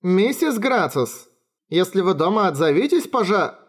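A man voicing a bold, brisk young woman adventurer in an audiobook, with an eager, raised light voice. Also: a little high, lively intonation, voice pushed up. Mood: calling out.

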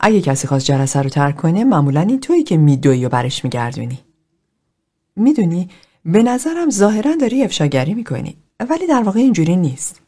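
A woman's voice: on the low side, big pitch swings, dark tone. A woman voicing an outspoken woman in a therapy group, speaking bluntly and directly.

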